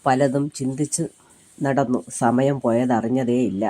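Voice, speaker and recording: A man narrating a serialized story in a steady, measured reading voice. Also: medium pitch.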